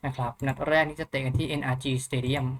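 A man's voice: medium pitch, level tone, fast talker, fairly bright tone. A young man hosting a football news channel, chatting casually through the latest updates with many polite filler particles and thinking aloud.

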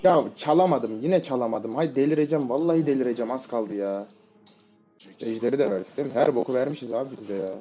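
A man giving live gameplay commentary, excitable and shouting at teammates and enemies in sudden bursts. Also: mid-range voice, fast talker, over music. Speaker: gamer playing a ranked match. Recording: dull lo-fi mic audio.

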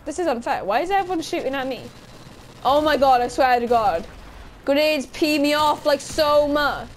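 A woman's voice: high voice, normal speed, a little hiss or hum. A young woman giving casual gameplay commentary, swearing and ranting in frustration with sudden outbursts. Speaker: gaming YouTuber.

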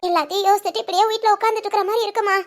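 Young cartoon wife, pregnant and put-upon, woman voicing, very high, quick, earnest pleading. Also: steady tone. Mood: wistful. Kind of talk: cartoon family drama phone call.

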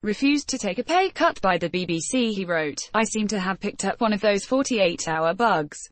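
A woman's voice: medium pitch, animated, normal speed, no room sound. A woman narrating a scripted news article, reading it aloud.

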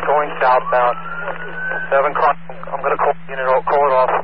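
A man's voice: medium pitch, flat delivery. Man on tinny, noisy police radio. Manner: clipped radio calls, urgent, rushed. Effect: police radio transmission. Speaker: police sergeant in pursuit. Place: patrol car on the street.

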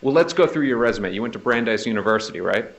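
A man's voice: mid-range voice, animated, quick pace, creaky, fairly bright tone, lo-fi sound. A man with a Boston accent cross-examining a witness in a courtroom, pressing her with leading questions that end in "right?". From Northeastern US. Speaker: prosecutor.

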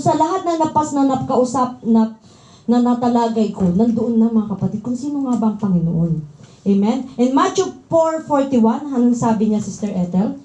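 High-voiced Filipino woman preaching. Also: roomy sound, poor audio. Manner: lively storytelling, laughing often, acting out quoted voices. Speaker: preacher giving a testimony. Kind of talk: sermon with personal testimony.

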